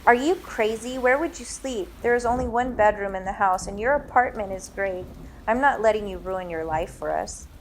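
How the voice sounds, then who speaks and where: A woman reading a story aloud, voicing a young mother who speaks gently and firmly. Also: medium pitch, moderate pace, a little hiss or hum, lightly acted, poor audio.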